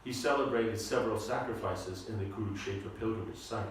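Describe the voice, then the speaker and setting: A spiritual teacher, a man with a lowish voice, lectures a seminar on scripture, stumbling casually over his words, repeating them, and asking listeners to follow. Captured from afar in an echoey room, the audio carries a little hiss or hum.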